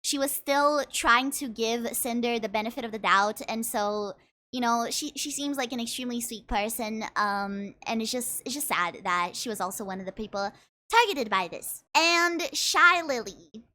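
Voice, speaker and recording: A woman's voice: on the high side, normal speed, sharp tone. A woman making a commentary video in a casual, earnest way, her voice shaky with emotion and her words often repeated. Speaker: commentary YouTuber.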